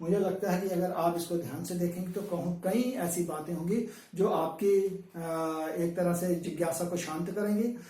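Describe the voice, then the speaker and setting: Male lecturer, high voice, patient demonstrating delivery, distant mic in a roomy space. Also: fairly even intonation, mellow. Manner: slow, drawn-out demonstration of sounds with fillers. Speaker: Hindi lecturer. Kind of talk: classroom-style pronunciation lesson. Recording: echoey room, voice from a distance.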